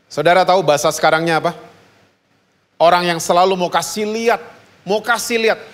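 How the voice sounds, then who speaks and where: Indonesian guy preaching, kinda high pitched, jokes around and keeps asking the crowd stuff. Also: steady tone, brisk, a bit bright. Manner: jokey, asks the congregation questions. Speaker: pastor. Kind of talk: lively sermon.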